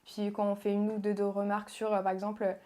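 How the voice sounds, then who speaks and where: A young woman from Portugal, a pageant contestant answering interview questions in a soft, hesitant way with many pauses and fillers. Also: medium pitch, completely flat delivery. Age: young adult. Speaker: guest, beauty pageant contestant.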